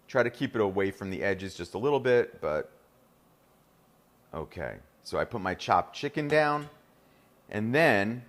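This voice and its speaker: A middle-aged man with a New Jersey accent, hosting a live cooking demonstration in an upbeat, chatty way and talking straight to viewers. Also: medium pitch. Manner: upbeat, chatty, addresses viewers as "you guys". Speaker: cooking show host.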